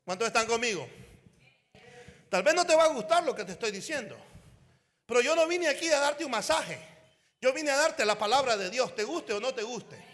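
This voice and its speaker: A man preaching a fervent sermon as an evangelist at a conference, often shouting and calling out to the crowd. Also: very high voice, expressive, normal speed, pauses often, big-room sound. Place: conference hall.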